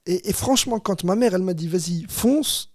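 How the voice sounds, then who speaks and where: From a small, warm studio, a podcast host in his thirties spins casual stories in a Rifian Moroccan accent. He talks fast in a high voice, laughs easily and often drops in "tu vois" ("you see"), with no room sound on the recording.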